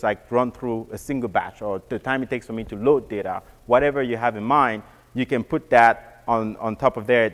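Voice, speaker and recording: A man's voice: medium pitch, in a large hall. A man giving a casual technical walkthrough, often repeating words and restarting phrases. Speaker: presenter.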